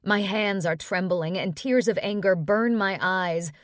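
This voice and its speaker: A woman narrating a romance audiobook in the first person, in a measured, steady reading. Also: mid-range voice, no echo, clean studio sound.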